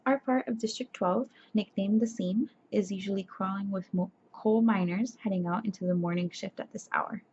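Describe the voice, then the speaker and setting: Through a webcam's dull lo-fi audio and faint hiss, a sleepy young woman chats soft-spoken and reads aloud for her ASMR audience. Her voice is mid-range, soft, breathy and gravelly, with fairly even intonation, normal speed and hardly any pauses. She is tired and stumbles over the reading, correcting herself.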